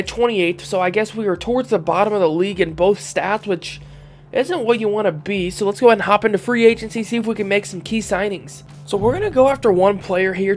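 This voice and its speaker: A young man with a congested voice, casually commenting while he reviews season stats in a football video game. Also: sits high. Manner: relaxed, thinking aloud while reviewing stats. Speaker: gaming YouTuber.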